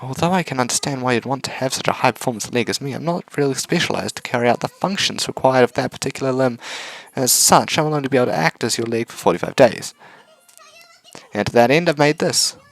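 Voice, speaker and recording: A man's voice: medium pitch, fast, gravelly, no room sound, voice pushed up, lightly acted, poor audio. A man voicing a cheerful young female robot girl who talks politely and formally, as in a visual novel read aloud. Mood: cheerful, matter-of-fact.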